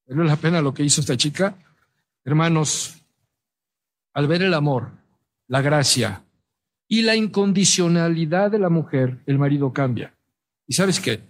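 A man preaching an evangelistic sermon, pleading earnestly with repeated appeals and telling a story with occasional filler sounds. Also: on the high side.

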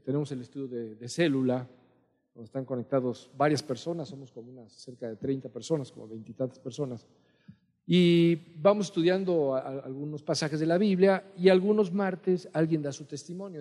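A middle-aged male pastor delivers an earnest, emphatic sermon, circling back to repeat his key lines. His voice sits a little high for a man. The sound rings with the long reverb of a large hall. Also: warm tone. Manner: earnest, emphatic preaching with repetitions.

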